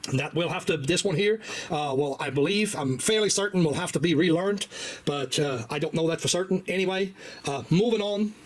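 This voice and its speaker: A man working as a mechanic, talking through a repair step by step in a relaxed, rambling way with lots of fillers, recorded in a repair shop on a tripod camera. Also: on the high side, fairly quick. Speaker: auto mechanic. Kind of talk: casual how-to repair walkthrough.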